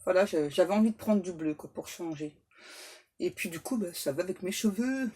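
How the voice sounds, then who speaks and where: In a lowish, dark, husky voice, a woman moves briskly through a casual tarot reading on camera. She's chatty and joking, trades banter with her spirit guides, and laughs at herself self-mockingly.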